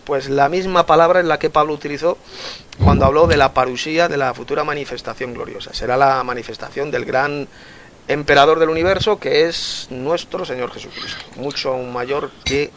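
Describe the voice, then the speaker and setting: A man's voice: fairly high pitch, moderate pace, a bit bright, a little hiss or hum. Earnest man teaching Bible study. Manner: earnest, emphatic, repeats key words, frequent "eh" fillers.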